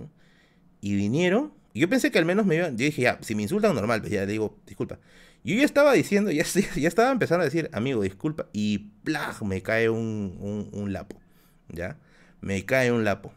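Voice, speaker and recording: A man with a Peruvian accent telling a story on a live stream in a casual, slangy, self-mocking way. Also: medium pitch. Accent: Peruvian Spanish. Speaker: livestreamer telling stories.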